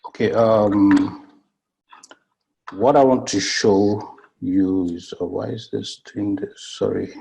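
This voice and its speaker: A man speaking as a guest on a video call, with a very low, husky voice. He talks haltingly and fills his pauses with many ums. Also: fairly even intonation, darkish tone.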